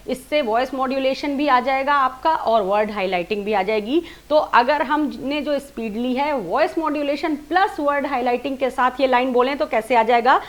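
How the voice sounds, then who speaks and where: High-voiced woman coaching presentation skills. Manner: demonstrates lines with stressed words and slow, measured delivery; explanatory, step-by-step teaching. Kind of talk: spoken lesson on presenting.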